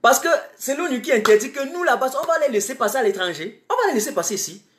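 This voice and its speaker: A man's voice: very high-pitched, big pitch swings, fast, a bit bright. A man from Cameroon, giving an emphatic, repetitive live-streamed political monologue full of rhetorical questions.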